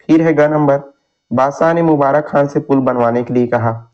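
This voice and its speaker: A male teacher explaining a lesson. He asks a question, then answers it himself, and slowly repeats answers for students to write down. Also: mid-range voice, a little mellow. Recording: dull lo-fi sound.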